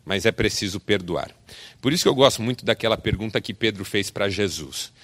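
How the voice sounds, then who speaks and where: Animated pastor with a bright voice. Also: male voice, fairly low pitch, a little fast, dry recording. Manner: animated storytelling with acted-out scenes, building to loud bursts. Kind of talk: sermon.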